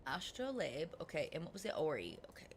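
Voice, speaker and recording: A woman game streamer chatting casually with her live audience, giggly and animated, laughing often. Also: low voice, fairly quick, slight background noise.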